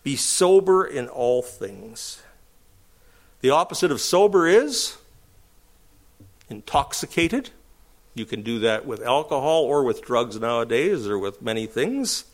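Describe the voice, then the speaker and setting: A middle-aged male pastor preaching a sermon, rising to emphatic, high-pitched calls between calmer stretches. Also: measured pace, pauses often.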